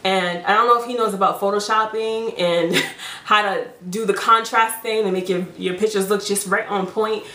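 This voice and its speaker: A young adult woman giving frank dating advice in a casual vlog, chatty and quick to laugh. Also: mid-range voice, steady tone, sharp tone. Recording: roomy, distant mic.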